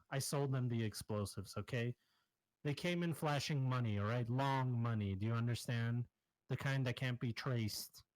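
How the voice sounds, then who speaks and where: A man's voice: mid-range voice, no room sound, lightly acted, rough recording. Man voicing a jittery shady arms dealer. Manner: defensive, pleading, evasive.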